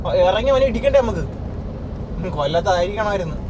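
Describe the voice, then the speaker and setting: A Malayali man from Kerala telling a family story, casual, laughing, talking loud from a car. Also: high voice, lively intonation, fast talker, background noise. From Kerala, India. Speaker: family vlogger. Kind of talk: casual vlog chat. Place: in a car on city roads.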